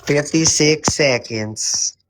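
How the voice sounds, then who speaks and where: A man's voice: fairly high pitch, takes it slowly, noisy background. A man hosting a casual live chat, talking in a hesitant, rambling, colloquial way. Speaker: live stream host.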